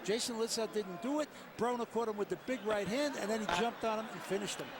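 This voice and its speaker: Fast, high-pitched male boxing analyst. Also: crowd noise. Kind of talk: live sports commentary. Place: ringside at a boxing arena. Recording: noisy arena ambience.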